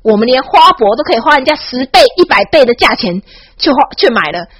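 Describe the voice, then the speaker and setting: Taiwanese lady ranting sarcastically, higher voice, breathy, dry close sound. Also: very animated, quick pace, fairly bright tone, no room sound. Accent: Taiwanese Mandarin. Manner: mock-boastful ranting, peppered with a breathy "ha". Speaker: satirical commentator. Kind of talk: sarcastic comic monologue.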